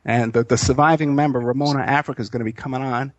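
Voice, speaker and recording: A man in his fifties hosts a live radio interview show, talking casually and rambling with lots of fillers and restarts. His medium-pitched voice is fast with fairly even intonation, and the audio is dull with no room sound.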